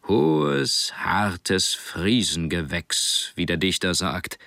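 A man doing a proud, slow-talking father. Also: deep voice, very animated, vocal fry, pushed and bright, no room sound, studio quality, full character voice. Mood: fond. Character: warm proud middle-aged father. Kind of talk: audiobook character reading.

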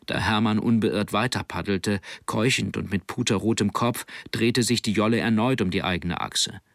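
A man narrating an audiobook in a steady, measured reading. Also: fairly low pitch, gravelly, no echo, clean studio sound. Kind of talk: scripted narration.

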